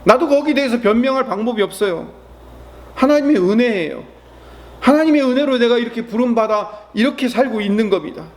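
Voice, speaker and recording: High-voiced earnest Korean-speaking preacher. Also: male voice, animated, a little fast. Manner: earnest preaching with rhetorical questions. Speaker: pastor. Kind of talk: early-morning prayer sermon. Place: church.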